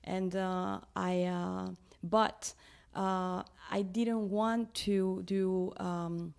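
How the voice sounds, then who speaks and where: A woman's voice: mid-range voice, flat delivery, drawn-out words, vocal fry, a little mellow, clear, resonant tone. A woman from Peru, a film director, talking in an interview and searching for words as she explains her ideas. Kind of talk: casual interview talk.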